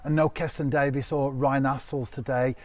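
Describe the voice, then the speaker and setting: A man's voice: mid-range voice, flat delivery, normal speed, dry recording. A man interviewing a coach for a club channel, reading formal lead-ins to his questions. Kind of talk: post-match interview questions.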